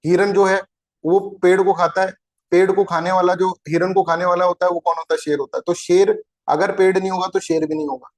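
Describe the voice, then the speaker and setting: Guy teaching a geography class online, pretty high voice for a man, keeps checking if everyone gets it. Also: brisk, gravelly. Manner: asks the class rhetorical questions, chatty and informal. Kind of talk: recorded exam-prep lecture.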